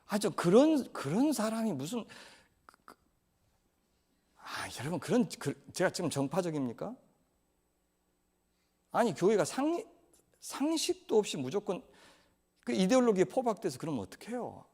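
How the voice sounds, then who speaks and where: A man's voice: high-pitched, moderate pace, pauses often. A male pastor preaching a sermon, keeping the congregation engaged by throwing questions at them. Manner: animated, quizzes the congregation with questions.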